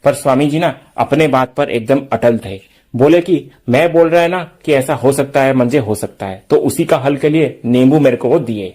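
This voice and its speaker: A young trickster from a TV serial fakes a holy trance and rambles on in a slangy, self-assured way, as a man reads him out. The voice sits at an ordinary middle pitch. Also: moderate pace, mellow, natural voice. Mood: scheming.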